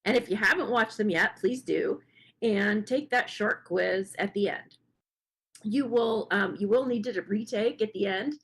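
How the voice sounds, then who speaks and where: A woman welcoming new students on a video call, hoarse and losing her voice, earnest and with many fillers. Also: medium pitch, measured pace, a bit bright, poor audio. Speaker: faculty speaker at student welcome session. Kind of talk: welcome address on a webinar.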